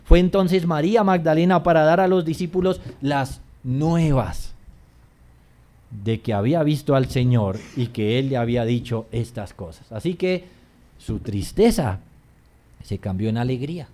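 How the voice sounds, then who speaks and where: A male pastor preaching a sermon, addressing the congregation as brothers, swinging between hushed low passages and raised emphatic lines. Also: unhurried.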